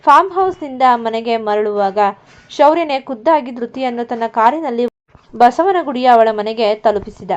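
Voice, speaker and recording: A woman narrating a romantic story in a scripted, even storytelling delivery, in a muffled lo-fi recording. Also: on the high side, normal speed.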